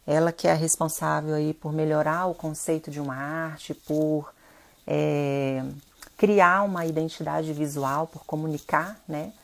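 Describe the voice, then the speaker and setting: A Brazilian woman with a low, gravelly voice and a Brazilian Portuguese accent, stuffy and nasal from rhinitis. She's an interior designer hosting a live stream, chatting casually and speaking straight to her viewers.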